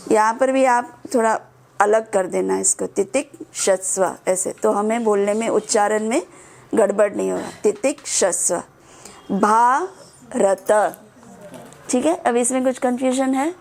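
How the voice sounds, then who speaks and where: A woman teaching children to pronounce Sanskrit verses, drilling syllables slowly and patiently. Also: on the high side, creaky, darkish tone. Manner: slow, patient drilling of syllables, mixing English words. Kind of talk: online class teaching.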